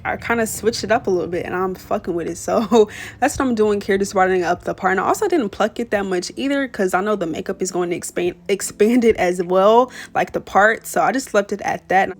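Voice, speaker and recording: Young woman, casual voice-over, chatty, slangy, stumbles and restarts. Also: medium pitch. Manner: chatty, slangy, apologizes for stuttering. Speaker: beauty vlogger.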